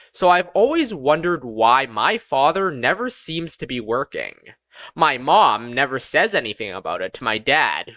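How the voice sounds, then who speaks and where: An audiobook narrator with a mid-range voice reads a scripted first-person story, telling it expressively and deliberately. The recording is dry.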